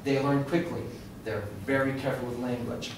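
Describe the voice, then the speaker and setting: A man's voice: mid-range voice, steady tone, fairly quick. A middle-aged man presenting a workshop to a live audience, asking questions and talking in an interactive way. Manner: interactive, asks the room questions. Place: classroom or lecture room. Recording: echoey room from far off, faint noise.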